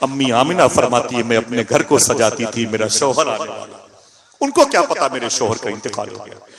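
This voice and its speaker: A man's voice: lively intonation, normal speed, gravelly, a crowd in the background. Man preaching a dramatic sermon. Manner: dramatic, voices grief and quoted speech with rising pitch. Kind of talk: sermon storytelling.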